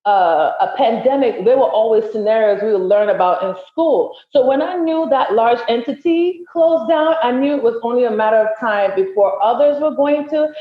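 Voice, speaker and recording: Articulate, emphatic woman guest; higher pitch; echoey room, dull lo-fi audio. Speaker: podcast guest, entertainer. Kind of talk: casual interview chat.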